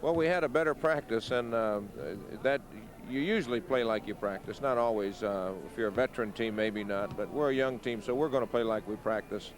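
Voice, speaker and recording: A man, a basketball head coach, giving plain, measured pregame interview answers with frequent ums. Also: medium pitch.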